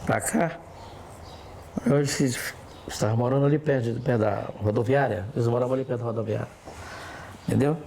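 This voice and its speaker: A man's voice: medium pitch, fairly quick, vocal fry, pauses often, a little mellow. A man with a Brazilian accent reminiscing casually as an interview guest, often checking in with short tag questions. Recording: faint background noise.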